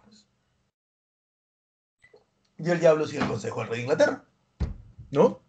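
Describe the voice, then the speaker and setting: Male prep-school history teacher from Peru, animated storyteller, slightly higher voice. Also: muffled recording. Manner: animated, tag questions like ¿ya? and ¿no?. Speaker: pre-university history teacher. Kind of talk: lively storytelling history class.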